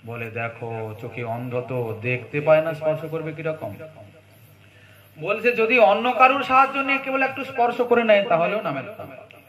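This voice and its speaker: A man's voice: fairly high pitch, normal speed, sharp tone. A man giving a devotional sermon, telling stories and singing verses between plain explanation. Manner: storytelling, sings verses and chants. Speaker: preacher. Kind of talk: devotional discourse. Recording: crowd noise in the background.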